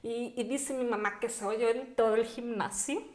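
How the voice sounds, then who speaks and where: High-voiced woman telling a story. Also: normal speed. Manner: animated, with many fillers and quoted asides. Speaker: podcast guest. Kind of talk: casual storytelling. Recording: echoey room.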